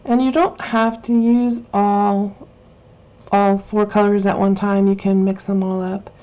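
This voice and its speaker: Over dull audio, a woman with a mid-range, level voice speaks a little slowly while casually walking through a Bible journaling craft tutorial. She is chatty and rambling, correcting herself often, with many fillers and restarts.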